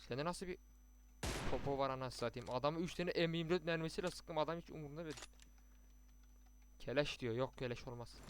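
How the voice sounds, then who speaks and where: A young man commentating his mobile shooter match with teammates, chatty, muttering to himself and then bursting out excitedly. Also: fairly high pitch, a little hiss or hum. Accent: Turkish. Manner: chatty, swings between muttering and excited outbursts. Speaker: gaming streamer. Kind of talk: live gameplay commentary with teammates.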